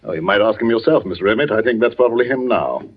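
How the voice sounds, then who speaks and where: An actor playing a gentle, anxious village vicar and father in 1940s radio drama. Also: on the low side, expressive, quick pace, close to an everyday voice. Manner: gentle, fretful, formal. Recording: dull old radio broadcast with faint hiss.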